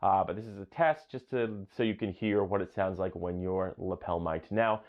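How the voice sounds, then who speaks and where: Chatty and full of fillers, this booming, deep-voiced man talks excitedly through a camera gear review at an ordinary speed. The audio switches among a camera's built-in mic, a lapel mic and a wireless one, and overall it sounds lo-fi.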